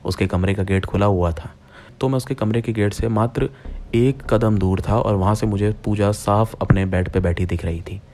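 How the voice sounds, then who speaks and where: A man's voice: fairly low pitch, steady tone, normal speed, dark tone, slight background noise. A young man narrating a true-style horror story in the first person, speaking directly to his listeners as friends in a plain retelling voice.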